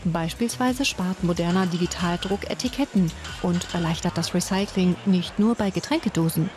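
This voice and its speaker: A woman narrating a scripted news report in a measured, even way. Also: lowish voice, over music.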